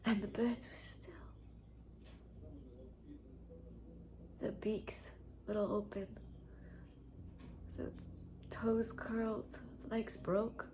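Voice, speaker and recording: Hushed and grieving, a woman in a theatre monologue plays a lonely, traumatised young woman. Her medium-pitched delivery is halting and intense, frequently slipping into a breathy hush.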